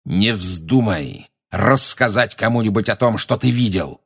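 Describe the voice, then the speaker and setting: A man voicing a cold, bitter male teacher who speaks slowly and menacingly in an audiobook. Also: fairly low pitch, big pitch swings, a bit bright, exaggerated voice. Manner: slow, menacing.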